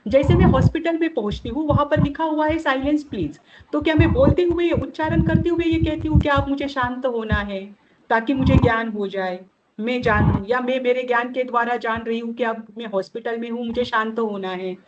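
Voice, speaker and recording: एक महिला शिक्षिका वीडियो कॉल पर ऑनलाइन कक्षा में सूत्र क़दम-दर-क़दम समझाती है और बार-बार "है ना?" पूछती है।. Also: female voice, fairly high pitch, a little fast. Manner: explains step by step, often asks "है ना?". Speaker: teacher of Jain logic. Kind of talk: online class lecture. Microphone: video call. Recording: dull lo-fi audio with loud noise.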